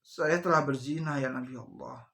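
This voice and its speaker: Brief: a remorseful, pleading woman, voiced by a male preacher, hushed and halting, with a bright edge. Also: medium pitch, vocal fry. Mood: confessing. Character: weeping remorseful woman confessing a sin.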